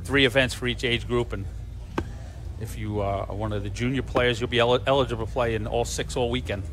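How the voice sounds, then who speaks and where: A man's voice: mid-range voice, steady tone, brisk, noisy background. A man giving live sports commentary on a darts match.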